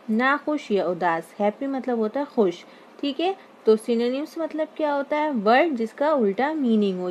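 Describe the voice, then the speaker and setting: A woman teacher explaining grammar terms slowly, repeating each term and glossing it in plain words. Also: fairly high pitch, a little mellow, a little hiss or hum, poor audio. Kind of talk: explaining English grammar lesson.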